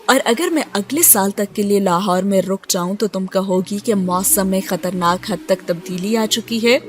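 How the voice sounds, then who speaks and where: A woman voicing a playful, teasing young male student in a romance audiobook, speaking gently and without hurry. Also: medium pitch, soft background music, natural voice.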